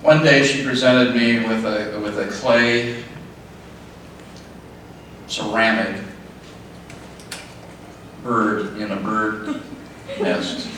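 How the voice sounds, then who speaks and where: A middle-aged man giving a father-of-the-bride wedding speech in a halting way, repeating phrases and speaking in short sentences. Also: fairly low pitch, fairly even intonation, a bit bright. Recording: echoey, noisy room, distant mic.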